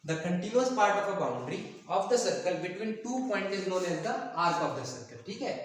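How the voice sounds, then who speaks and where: Male math teacher, classroom lecture, raised voice, far mic in a very echoey room with faint noise. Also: high-pitched. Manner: asks the class questions and answers them himself; mixes English math terms into Hindi. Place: classroom with a board.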